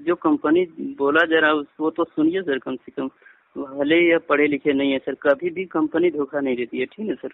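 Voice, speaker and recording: A man's slightly high voice comes through a phone line with a steady tone, moderate pace and no echo. He's a customer care agent, repetitively and insistently persuading the listener, whom he politely addresses as sir.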